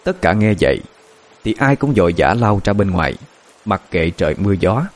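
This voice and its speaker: Low-voiced, expressive horror storyteller man. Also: normal speed.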